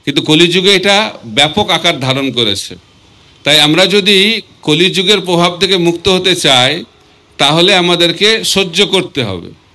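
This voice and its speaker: A man giving a devotional sermon, asking rhetorical questions and reciting verses slowly. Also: sits high, expressive, bright, forceful tone. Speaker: swami preacher.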